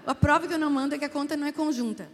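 Female preacher, 30s, Brazilian accent; higher voice, animated testimony style, hall reverb. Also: very fast. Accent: Brazilian Portuguese. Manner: animated storytelling, quoting her husband, jokey asides to the audience. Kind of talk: sermon with personal testimony.

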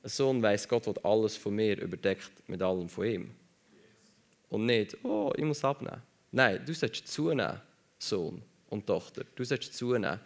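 Gravelly preacher. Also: male voice, fairly low pitch, normal speed. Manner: emphatic, repeats phrases for stress. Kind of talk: sermon.

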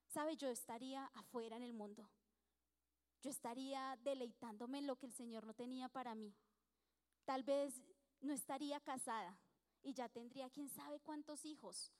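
A woman's voice: high voice, darkish tone. A woman preaching and telling her own testimony in an earnest, chatty way. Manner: earnest, chatty, acts out dialogue with frequent small laughs. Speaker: church speaker giving testimony. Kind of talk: sermon with personal testimony. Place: church. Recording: echoey church hall.

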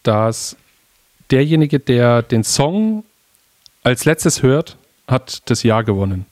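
A man from Bavaria chatting as a guest, telling stories in a relaxed way and pausing on fillers as he searches for words. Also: mid-range voice, dry recording, studio quality. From Bavaria, Germany. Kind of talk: casual chat.

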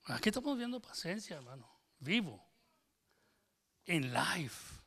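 Male pastor, gravelly and slightly high-pitched, casual sermon with English asides. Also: very animated, measured pace, fairly bright tone. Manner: switches into English phrases, jokes with congregation. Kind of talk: informal sermon.

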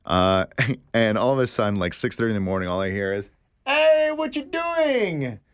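Low-voiced man chatting casually. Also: fast talker, clear, resonant tone, dry recording. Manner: animated storyteller, mimics relatives in a high voice. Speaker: podcast co-host. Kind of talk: casual chat.

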